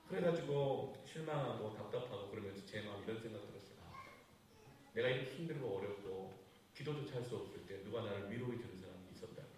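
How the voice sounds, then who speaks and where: A man preaching a sermon as pastor, telling a personal story with sudden swings between loud outbursts and hushed asides. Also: mid-range voice, a little hiss or hum. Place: church sanctuary. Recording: echoey church hall, voice from far off.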